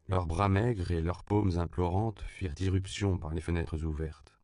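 Man, audiobook narration, very deep voice, dry close recording. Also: no room sound. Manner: even, measured reading. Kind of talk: scripted narration.

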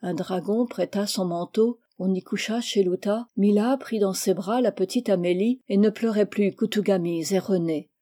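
A woman reading a classic novel aloud as an audiobook narrator, with measured, expressive literary delivery. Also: medium pitch.

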